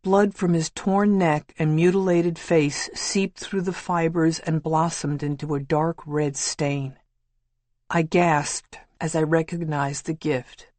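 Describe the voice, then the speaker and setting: A woman reading a memoir audiobook in a measured, matter-of-fact way. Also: low voice, steady tone, a little mellow, dry recording. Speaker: audiobook narrator. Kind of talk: scripted memoir narration.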